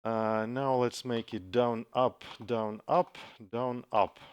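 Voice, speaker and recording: A man explaining music software step by step in a tutorial, with frequent pauses and fillers. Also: medium pitch, steady tone. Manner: slow, methodical explaining with frequent uhs. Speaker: software developer demonstrating a plugin. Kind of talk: screen-recorded tutorial. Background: guitar samples playing from the software.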